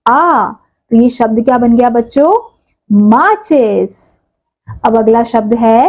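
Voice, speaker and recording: A woman's voice: a little high, a little mellow, rough recording. A woman teaching a primary school lesson, spelling words out sound by sound and lifting her voice on each answer.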